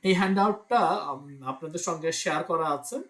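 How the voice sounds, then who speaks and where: A man's voice: a little high, brisk, fairly bright tone, echoey room. A man teaching a language lesson, patiently spelling out letters and example words one at a time. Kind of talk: teaching Italian pronunciation in Bengali.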